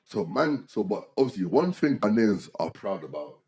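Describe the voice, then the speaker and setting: Animated young man, lively storyteller. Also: on the low side, moderate pace. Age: young adult. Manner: animated storytelling in slang, quoting others. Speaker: podcast co-host. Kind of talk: casual chat. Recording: echoey room.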